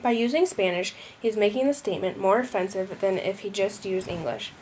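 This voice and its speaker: A woman's voice: medium pitch, fairly quick, darkish tone, slight background noise. A young woman reading a school presentation aloud, with occasional slips and restarts. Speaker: student presenter.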